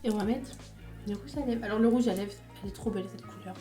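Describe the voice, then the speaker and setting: A woman's voice: mid-range voice, quick pace, warm tone, faint music behind. A woman chatting casually through her makeup routine step by step, with small fillers as she goes. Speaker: beauty vlogger.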